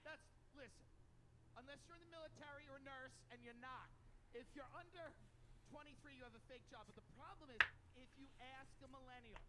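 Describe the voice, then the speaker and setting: A man doing a brash, profane stand-up routine on a theater stage, working the crowd. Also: very high-pitched. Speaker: stand-up comedian. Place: theater stage before a live audience. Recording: live theater recording with audience noise.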